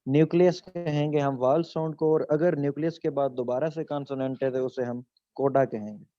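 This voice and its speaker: Male student answering in class, mellow tone, dull dry recording. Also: medium pitch, steady tone, brisk, no room sound.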